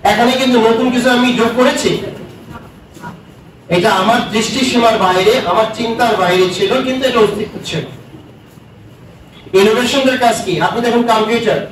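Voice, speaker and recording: A man lecturing a university class who keeps asking his students questions and mixes in English terms. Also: high voice. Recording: echoey room, distant mic, noisy.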